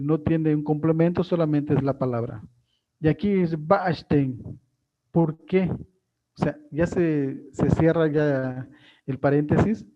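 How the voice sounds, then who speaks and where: Man teaching a class, dull lo-fi audio. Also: fairly high pitch. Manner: explanatory, with frequent fillers and restarts. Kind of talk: live online class.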